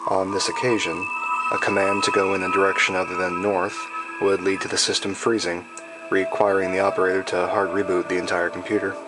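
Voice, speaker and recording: Horror narrator, male, low register, deliberate ominous read of a scripted story, prominent music bed. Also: flat delivery, low-quality recording. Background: background music.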